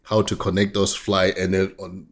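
Low-voiced man from Tanzania. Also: monotone. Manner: halting, restarts phrases, laughs often. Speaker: guest. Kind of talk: casual interview chat.

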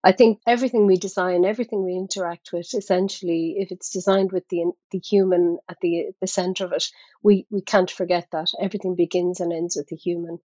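A woman's voice: on the low side, steady tone, fairly quick, mellow, no room sound, lo-fi sound. A woman researcher and co-author speaking in a panel discussion, often repeating words while she thinks.

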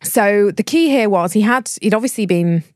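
A woman's voice: mid-range voice, expressive, moderate pace, a little mellow, no room sound, studio quality. A woman co-hosting a workplace podcast, explaining cases at length in casual chat and laughing easily. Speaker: podcast co-host, HR adviser.

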